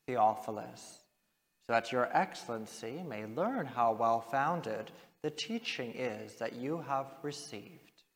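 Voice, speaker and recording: A man, a priest, reading the Gospel and parish announcements in a measured, formal way, his voice carried by a cathedral echo. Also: mid-range voice. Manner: measured, formal, unhurried delivery. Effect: cathedral echo, long church reverb. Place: large church. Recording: long reverb of a large church.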